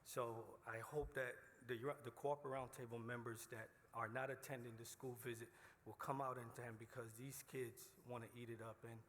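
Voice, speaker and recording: Barbadian man giving a halting acceptance speech. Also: medium pitch, little pitch movement, a bit bright. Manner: halting, repeats himself, earnest. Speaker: award recipient. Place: hotel banquet room. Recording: reverberant hall, faint noise.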